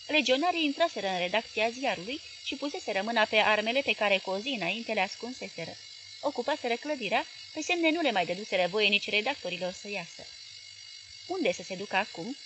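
A woman with a Romanian accent reading a literary novel as an audiobook narrator, in measured, clear narration. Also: mid-range voice, expressive, noisy background.

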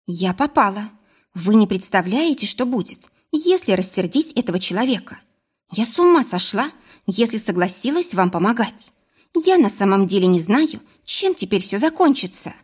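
A woman reading a frightened young woman who speaks anxiously in a husky voice. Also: a little high, very animated, normal speed, a little mellow, pitched above the performer's own voice, exaggerated voice. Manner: anxious, tense.

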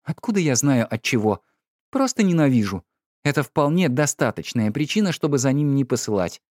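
A man reading an audiobook, voicing an irritable, distraught young noblewoman with sharp, exasperated outbursts. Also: mid-range voice, sing-song, a little fast, no room sound, clean studio sound, voice pushed up, natural voice.

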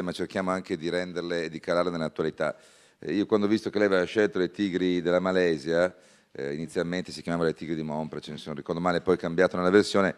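Male radio host, very deep and smooth, measured interviewer. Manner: measured, reflective questioning.

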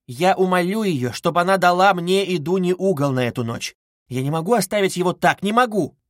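A man's voice: sits high, expressive, normal speed, no echo, studio quality, voice pushed up. A man voicing an anxious middle-aged mother, pleading and timid. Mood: desperate. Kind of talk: audiobook character reading.

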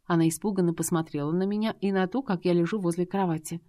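A woman's voice: on the low side, steady tone, fast, warm tone. Wry woman narrating a fantasy romance. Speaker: audiobook narrator.

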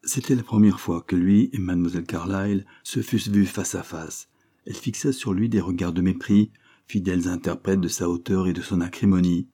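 Man, low husky voice, mellow tone, audiobook narration, measured reading. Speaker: audiobook reader. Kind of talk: scripted narration.

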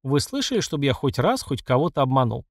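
Brief: male narrator playing an ironic, unhurried old emperor in an audiobook, lively pitch. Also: no room sound, clean studio sound. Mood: amused calm. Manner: politely teasing, unhurried. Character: calm ironic aging male emperor, bald.

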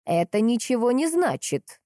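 A woman voicing a sharp-tongued, persistent older woman detective who is by turns sweet and cutting, in an audiobook. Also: medium pitch, sing-song, moderate pace, dry recording, clean studio sound, pitched above the performer's own voice, lightly acted. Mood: insistent.

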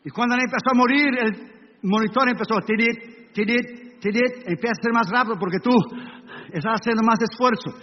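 A man's voice: very high-pitched, fast. A male pastor preaching a dramatic sermon, telling the story emphatically and imitating sounds aloud. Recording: echoey hall, dull lo-fi sound, faint hiss.

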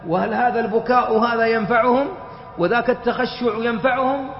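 A man giving a religious lecture, explaining points through lively everyday examples. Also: very high-pitched, fairly quick. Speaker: religious teacher. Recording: muffled, echoey hall.

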